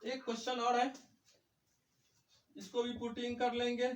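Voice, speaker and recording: High-voiced man teaching in an echoey room. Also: monotone, unhurried. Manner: poses questions and answers them himself. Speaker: math teacher. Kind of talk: whiteboard lecture. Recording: echoey room, mic far off.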